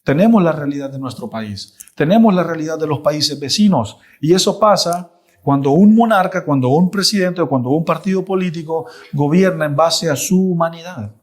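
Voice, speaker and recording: A man teaching the Bible in a sermon style, emphatic and repetitive. He keeps checking in with the listeners, and his voice sits a little high for a man. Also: expressive, normal speed.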